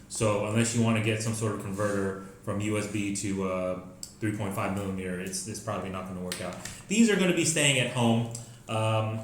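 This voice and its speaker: A man gives a casual, rambling product unboxing as a tech reviewer, full of ums and restarts. His voice bounces around a very echoey room, with a faint hiss of noise behind it. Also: medium pitch. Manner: rambling, many fillers and restarts.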